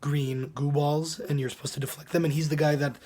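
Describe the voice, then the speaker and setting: Male game vlogger, a little high-pitched, hoarse and under the weather, casual delivery with throat clearing. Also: level tone, brisk, warm tone. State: hoarse, sick, losing his voice. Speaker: video game reviewer. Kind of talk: casual commentary to viewers.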